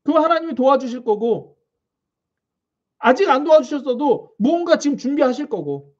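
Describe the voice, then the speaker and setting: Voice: high voice, very animated, normal speed, a little mellow. A pastor preaching a sermon in a small church, talking conversationally and putting questions to the congregation. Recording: dull lo-fi recording.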